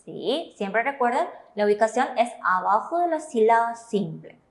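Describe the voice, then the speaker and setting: A woman teaching Korean pronunciation in Spanish with a Paraguayan accent, explaining slowly and patiently and checking in with her students. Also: fairly high pitch, very animated, reverberant. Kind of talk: slow, careful classroom explanation.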